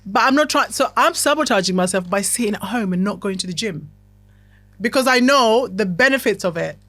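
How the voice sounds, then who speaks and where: A woman's voice: mid-range voice, lively intonation, a little fast, fairly bright tone, no echo. A woman hosting a podcast, giving a motivational self-help talk in a chatty, talkative way that keeps checking in with the listener. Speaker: podcast host.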